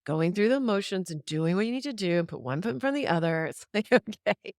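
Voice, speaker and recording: A woman's voice: lowish voice, sing-song, fast talker, darkish tone, no echo, studio quality. A middle-aged woman chatting candidly as a podcast guest, rambling and swearing freely, often laughing. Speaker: podcast guest, musician and writer. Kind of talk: casual conversation.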